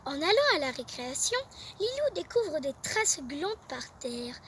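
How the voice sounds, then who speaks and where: A young woman reading a children's bedtime story aloud, with a lively read-aloud manner. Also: sits high, unhurried, recorded from a distance, slight background noise.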